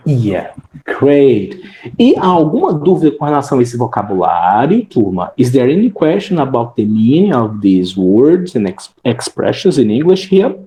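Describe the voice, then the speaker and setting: A woman's voice: a bass voice, very animated, measured pace, mellow, roomy sound, slight background noise, rough recording. A woman teaching an English class online with a Brazilian accent, explaining in Portuguese and checking in with frequent tag questions.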